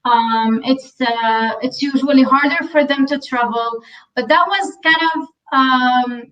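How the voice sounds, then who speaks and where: A woman from Syria, a podcast guest, speaking thoughtfully with many ums and pauses. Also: high voice, a bit bright, far from the mic, dull audio, slight background noise. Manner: thoughtful, many ums and uhs, self-questioning. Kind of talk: conversational interview.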